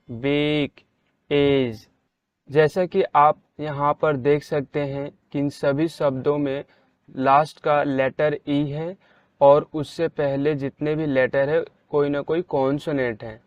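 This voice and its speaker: A male teacher talks through pronunciation rules at a very slow, careful pace, with a slightly high voice. He gives each example word loud, clear stress. The sound is smooth and dry, close to the mic. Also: little pitch movement, no room sound, highs cut off. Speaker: English reading teacher. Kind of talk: slow spelled-out pronunciation lesson.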